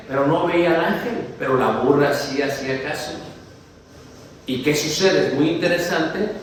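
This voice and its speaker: A male preacher who gives a lively sermon, jokes with the congregation, asks them questions and acts out the story. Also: fairly high pitch. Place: church hall. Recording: very echoey church hall, mic far off, faint noise.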